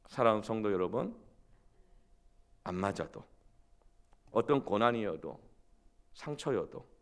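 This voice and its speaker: A male pastor from South Korea preaching a sermon in an emphatic storytelling manner. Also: lowish voice.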